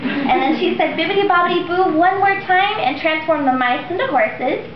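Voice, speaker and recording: Sweet young princess woman performer, bright and sing-song, coaxing small children through a fairy tale; high voice, muffled sound. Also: expressive, moderate pace. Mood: sweet, storytelling. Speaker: children's party princess entertainer. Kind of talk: interactive storytelling for small children. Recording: dull roomy camera audio, clear background noise. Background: small children at a party.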